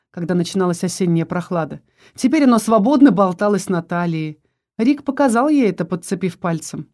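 A woman narrates an audiobook with a mellow, dark tone. Her reading is expressive, and she lifts her voice to stress key phrases. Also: mid-range voice.

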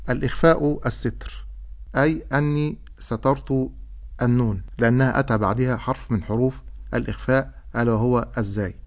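A man teaching Quran recitation, explaining rules and then reciting example words slowly and drawn out. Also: mid-range voice, steady tone. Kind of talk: tajweed lesson with recited examples.

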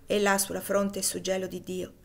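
A woman voicing a humble, reverent older man servant in an audiobook reading, speaking gently. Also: medium pitch, completely flat delivery, moderate pace, vocal fry, natural voice.

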